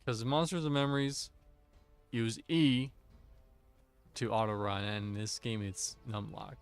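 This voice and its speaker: A man's voice: mid-range voice, steady tone, unhurried, clear, resonant tone, no room sound, soft background music. A man streaming an online game with friends, chatting casually in a playful, jokey, self-teasing way into a desk microphone. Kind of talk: casual gaming chat.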